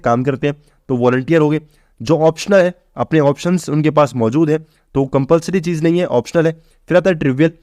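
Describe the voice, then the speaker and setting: A man's voice, a little high and darkish in tone, is heard in a studio-quality recording with no room sound. He teaches English vocabulary for exams casually, addressing students as "bhai" and moving step by step through questions he then answers himself.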